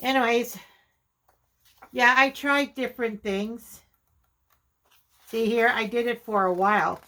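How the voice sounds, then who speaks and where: Woman, craft vlog, unhurried delivery, fairly high voice, chatty, self-deprecating. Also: fairly even intonation, bright, forceful tone. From Canada. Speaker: journaling vlogger. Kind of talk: casual craft vlog demonstration.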